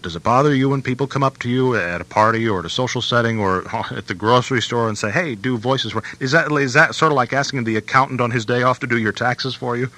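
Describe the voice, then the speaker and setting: A man's voice: medium pitch, fast, few pauses, bright, forceful tone, low-quality recording. A man interviewing a guest, asking questions in a curious, conversational way.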